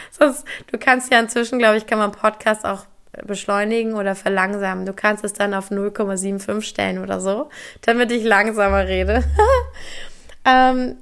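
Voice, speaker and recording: A young woman hosting a solo podcast, talking quickly and enthusiastically, slipping English words into her speech. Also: fairly high pitch, fairly bright tone. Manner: talks quickly. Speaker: podcast host.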